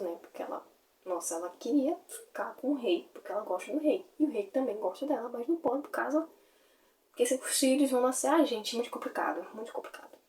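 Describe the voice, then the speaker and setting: A woman's voice: fairly high pitch, a little mellow, far from the mic, slight background noise. Chatty woman recapping a book. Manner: chatty, full of fillers like "tipo" and "gente". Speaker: book reviewer.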